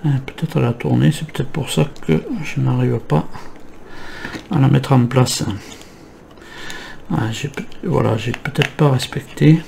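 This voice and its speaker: A man's voice: medium pitch, unhurried, creaky, long pauses, a little mellow, a little hiss or hum. A man with a cold, thinking aloud as he walks through assembling a scale model kit. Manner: thinking aloud while working, many fillers. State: has a cold. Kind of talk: hands-on assembly tutorial.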